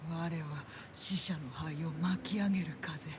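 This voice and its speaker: An actress playing a vengeful female ghost warrior in a video game, speaking with slow, theatrical villain menace. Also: low voice, fairly even intonation, lightly acted. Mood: menacing, vengeful. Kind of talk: dramatic video game acting in Japanese. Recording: noisy game audio with ambience.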